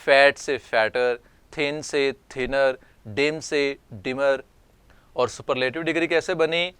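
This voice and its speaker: Give me a male English teacher, recorded dry and close, calmly walking through word forms. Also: medium pitch, smooth, dry recording. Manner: slow, spells out word forms one by one. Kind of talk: recorded grammar lesson.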